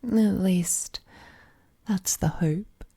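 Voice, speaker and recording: In an intimate audio drama, a woman portrays a ruthless, possessive, all-powerful being, showing languid, condescending affection and frequently sinking into a breathy whisper. Her fairly low, mellow voice draws out its words in a heavily acted performance, with a languid, wistful mood.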